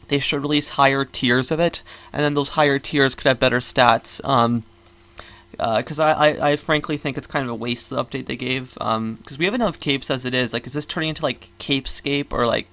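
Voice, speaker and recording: A man's medium-pitched, slightly bright voice carries casual game commentary full of rambling and complaining. He's a gaming vlogger speaking through a sore jaw and swollen cheeks following wisdom tooth surgery.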